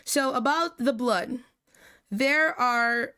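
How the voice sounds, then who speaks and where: A woman's voice: high voice, pushed and bright, smooth. A woman streamer playing the judge in a mock trial, talking in a loose, rambling way. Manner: slow, rambling, breaks into laughter. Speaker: stream host acting as judge. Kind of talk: mock trial role-play on a livestream.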